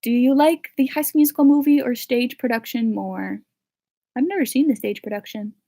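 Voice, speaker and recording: Chatty teen girl, slightly high voice. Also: brisk, vocal fry, mellow. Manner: chatty, full of "like" and "um" fillers. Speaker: vlogger answering viewer questions. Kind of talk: casual Q&A chat.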